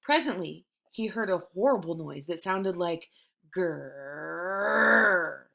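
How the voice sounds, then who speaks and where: A woman's voice: fairly low pitch, expressive, normal speed, creaky. A young woman reading a children's story aloud and breaking off for amused, chatty asides.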